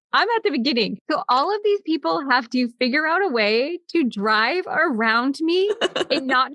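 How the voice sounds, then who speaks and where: A woman tells a story on a podcast with lively energy and frequent laughter. Her voice sits a little high, and the recording is close and dry with no room sound. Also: no echo. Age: older than her co-host, who is in her twenties. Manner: animated, laughs often while telling a story. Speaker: podcast co-host. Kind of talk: casual chat, storytelling.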